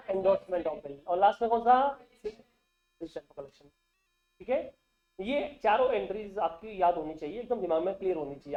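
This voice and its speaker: A male accountancy teacher giving a classroom lecture, constantly asking the class questions and repeating terms back. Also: sits high. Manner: quizzes the class with call-and-response questions. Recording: dull, roomy classroom recording.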